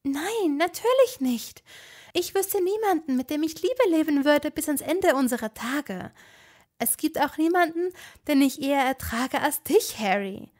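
A woman's voice: sits high, animated, a little slow, a little mellow, pitched above the performer's own voice. A woman voicing an earnest, clever young witch in a fan audio drama. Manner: earnest, explaining, easily indignant.

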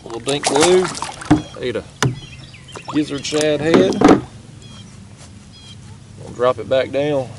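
A man's voice: mid-range voice, slow, long pauses. A young man, talking casually to camera from a kayak on a foggy river, easygoing and chatty. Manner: easygoing, chatty, drawls "y'all" and "ain't". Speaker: fishing vlogger. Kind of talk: casual talk to camera while fishing. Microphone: action camera mounted on the kayak. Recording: faint outdoor river noise.

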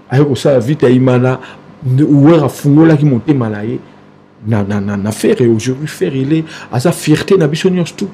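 A man talking as a guest in an interview. He gets animated, repeats himself and trails off. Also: mid-range voice, slight background noise. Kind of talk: casual interview talk.

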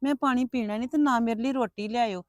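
A woman's voice: a little high, quick pace, a little mellow, no echo, clean studio sound, close to an everyday voice. A woman playing a hurt, stubborn young wife who sulks and refuses help. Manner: sulky, refusing. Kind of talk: family drama acting.

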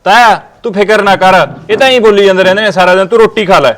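A man's voice: sits high, fairly even intonation, fast talker, lightly acted. An actor playing a young nephew in a Punjabi village drama, coaxing his uncle, with a Punjabi accent. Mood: placating. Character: soothing young nephew who calms the family.

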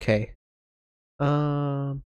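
A man's voice: mid-range voice, fairly even intonation, extremely slow, a little mellow, smooth, no room sound. A young man streaming a game, chatting casually, flustered and rambling with lots of ums and restarts. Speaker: gaming streamer. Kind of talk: casual live-stream chat.

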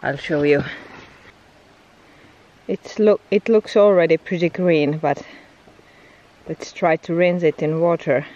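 With a low, warm voice, a woman records a hiking vlog outdoors on a mountain trail, speaking slowly and pausing often as she chats casually to camera. She's easygoing and frequently laughs between remarks. The recording's highs are cut off.

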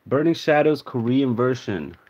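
On his card-opening live stream, set in an indoor room with a card display, a Swedish man with an American-tinged Swedish accent casually greets viewers and names the cards he opens. He speaks expressively at a moderate pace in a mid-range, darkish voice, and the recording sounds muffled.

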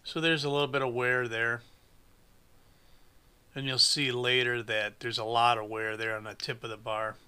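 A small engine repair mechanic in his forties talks through fixing a chainsaw at his workshop bench, his medium-pitched voice pushed and bright with little pitch movement and a clean tone. At a moderate pace with frequent pauses, he thinks aloud, plain-spoken and dryly funny.

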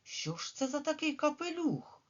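A woman voicing Vadyk, a small frightened boy in a children's story, speaking in excited exclamations. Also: sits high, normal speed, lo-fi sound, voice pushed up. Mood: puzzled.

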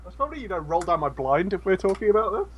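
A man's voice: high voice, big pitch swings, racing, a crowd in the background. A man, a podcast guest, joking and rambling through casual banter.

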